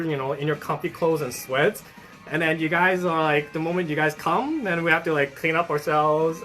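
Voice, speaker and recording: A young adult of medium pitch and a slightly bright tone hosts a hobby shop livestream. The mood is casual and upbeat: lots of fillers and restarts, viewers greeted by name, their comments read aloud, and an effusively friendly manner.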